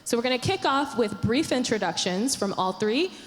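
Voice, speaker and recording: A woman moderating a panel discussion on a conference stage, speaking in a measured way. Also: on the high side, big pitch swings, slight background noise. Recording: reverberant conference hall.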